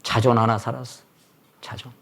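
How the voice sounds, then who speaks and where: A man preaching a Sunday sermon with dramatic swings between hushed words and exclamations. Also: mid-range voice, little pitch movement, moderate pace, gravelly. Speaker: pastor. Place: church service.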